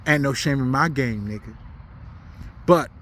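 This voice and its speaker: In an unscripted sermon-like monologue, a Haitian spiritual commentator who is not a native English speaker uses blunt, profane slang and hammers points home through repetition. He speaks at medium pitch and a measured pace, a bit bright, over slight background noise.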